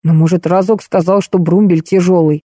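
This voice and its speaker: A woman's voice: fairly low pitch, steady tone, moderate pace, warm tone, no room sound, studio quality, lightly acted. Woman reading a flustered, blunt male driver. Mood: defensive. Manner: gruff, defensive.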